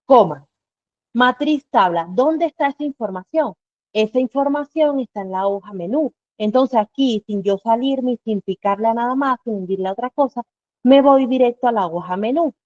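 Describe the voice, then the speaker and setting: A woman's voice: fairly high pitch, moderate pace, darkish tone, no echo. A woman giving a live online Excel class, explaining step by step and asking herself rhetorical questions as she goes. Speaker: Excel instructor. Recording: dull lo-fi dry recording.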